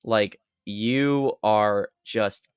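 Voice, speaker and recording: A man's voice: fairly low pitch, very slow, clear, resonant tone, no room sound, studio quality. Blunt, sarcastic man podcast co-host. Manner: blunt, sarcastic, swears freely. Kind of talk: casual podcast chat.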